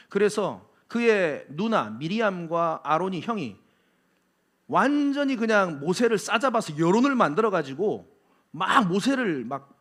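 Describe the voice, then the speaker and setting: Brief: male preacher, animated sermon delivery, joking asides, high-pitched voice. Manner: animated, acts out quotes; jokes with congregation. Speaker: pastor.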